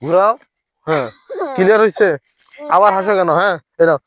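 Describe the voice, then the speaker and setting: A man's voice: high voice, brisk, fairly bright tone. Bossy scolding man as teacher. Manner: scolding, bossy, threatens punishment. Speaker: dance teacher in a skit. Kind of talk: comedy skit.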